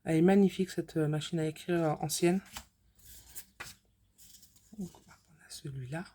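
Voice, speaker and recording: A woman talking casually to camera as she shows and prices craft supplies, with lots of fillers and pauses. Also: sits low, mellow, slight background noise. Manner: chatty, many fillers, counts items aloud. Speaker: scrapbooking vlogger. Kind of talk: casual haul video talk.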